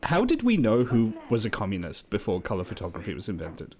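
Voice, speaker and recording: Animated joking man riffing on a movie. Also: lowish voice, a little fast, a crowd in the background. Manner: jokey, laughs often, puts on old-timey voices. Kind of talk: casual comedic movie riffing.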